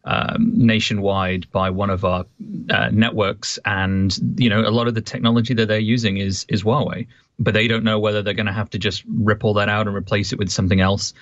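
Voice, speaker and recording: A man's voice: lowish voice, little pitch movement, brisk, fairly bright tone, no echo, muffled recording. A British man giving casual commentary as a guest, hesitant and dryly sarcastic.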